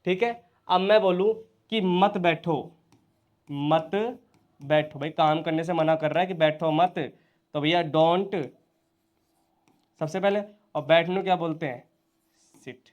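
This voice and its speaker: Male teacher, Hindi accent, high-ish voice, drills students with repeated questions. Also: measured pace, long pauses, highs cut off. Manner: repeats questions to students and answers them himself. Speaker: English teacher. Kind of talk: spoken English lesson in Hindi.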